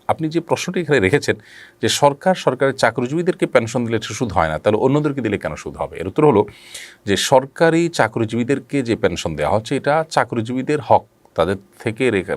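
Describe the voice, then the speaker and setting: A man, an Islamic scholar, answering viewers' questions in a measured, explanatory way with frequent drawn-out pauses. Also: on the low side, no echo. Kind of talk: religious Q&A talk.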